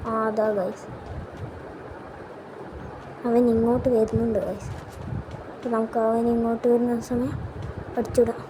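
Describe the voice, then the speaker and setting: A woman with a Malayali accent hosts a video with casual gameplay commentary, blending English gaming terms into her Malayalam. Her slightly high voice barely moves in pitch, and she speaks at a measured pace with long pauses, over noisy game audio full of gunfire and ambience.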